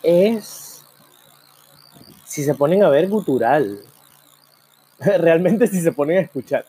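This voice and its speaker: A man hosting a program, talking in a reflective monologue full of rhetorical questions and slow, drawn-out pauses. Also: fairly high pitch, animated, mellow, breathy edge. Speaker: program host.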